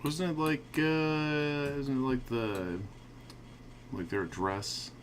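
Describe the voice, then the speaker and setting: A man's voice: mid-range voice, fairly even intonation, slow pace, slight background noise. A man co-hosting a casual podcast, joking around and slipping into mock voices. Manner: jokey, slips into mock voices. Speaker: co-host.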